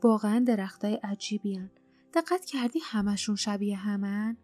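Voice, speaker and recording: A woman's voice: medium pitch, a little mellow, close to an everyday voice. A woman voicing a protective grown man who speaks firmly and bluntly to reassure his companions. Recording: dry close mic, faint music underneath.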